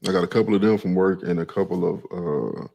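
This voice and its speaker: A man's voice: sits low, fast talker, creaky, warm tone. A young man with a Southern accent from Texas, chatting casually in a loose, laid-back way that keeps checking in with the listener. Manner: laid-back, loose, keeps saying "you know what I mean". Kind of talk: casual chat.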